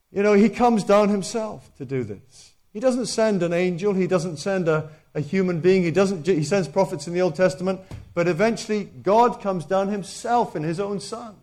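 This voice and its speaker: A man's voice: high voice, a little mellow. A man preaching a sermon, emphatic, repeating key phrases and often restarting his sentences.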